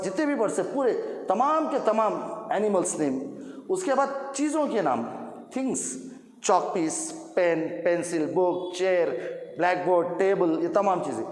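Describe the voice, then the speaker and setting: A man with a Hyderabadi Hindi accent lectures on grammar at an unhurried pace, repeating each point for his students. His voice sits high for a man. The classroom sound is roomy and echoes long after each phrase. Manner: slow, repetitive, addresses students as children. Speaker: English grammar teacher. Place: classroom with blackboard. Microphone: microphone. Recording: echoey room with long reverb.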